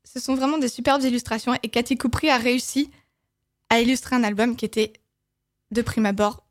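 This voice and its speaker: A woman's voice: fairly high pitch, fairly even intonation, brisk. A woman reviewing illustrated children's books on the radio, enthusiastic, with small hesitations. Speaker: book reviewer. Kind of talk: casual radio book review.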